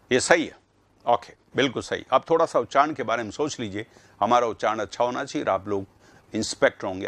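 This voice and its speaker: A man's voice: mid-range voice, fairly bright tone. Man teaching a live online class. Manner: drills pronunciation aloud, calls out students' names. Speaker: online Hindi exam teacher.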